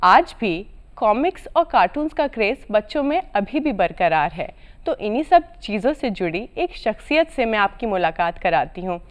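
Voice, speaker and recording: A woman's voice: medium pitch, big pitch swings, normal speed. Woman hosting a TV interview politely. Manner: courteous, frequent affirming interjections. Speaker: TV show host.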